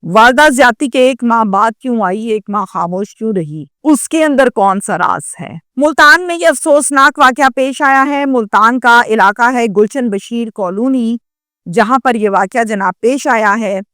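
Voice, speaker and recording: A woman's voice: fairly high pitch, fairly bright tone, no room sound, studio quality. A woman dramatically narrating a crime story and addressing viewers directly. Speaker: news storyteller.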